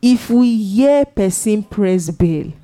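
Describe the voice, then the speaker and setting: Mellow Nigerian woman chatting in Pidgin. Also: medium pitch, expressive, slow pace. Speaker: radio show co-host. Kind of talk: casual conversational talk show chat.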